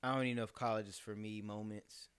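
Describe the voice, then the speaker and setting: A man's voice: lowish voice, little pitch movement, fast talker, clean tone, no echo. A man in his twenties hosting a podcast, chatting casually and reading sponsor plugs loosely. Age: 20s. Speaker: podcast host.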